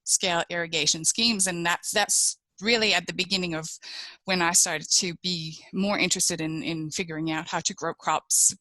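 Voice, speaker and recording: A woman from Quebec, a crop researcher, answers interview questions from a home office, her speech full of fillers and restarts. Her voice is bright and a little tense, pitched on the lower side. The recording is dry and close, with no room sound. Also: steady tone, normal speed, no room sound, poor audio. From Quebec, Canada. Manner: hesitant, many fillers and restarts. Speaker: agronomy researcher, guest.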